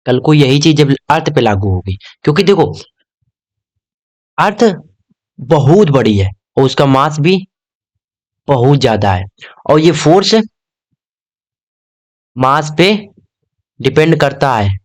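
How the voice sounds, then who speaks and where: A man's voice: fairly high pitch, sing-song, slow, pauses often. A young man teaching an exam-prep lesson in a casual, chatty way, often checking in with "okay?". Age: young adult.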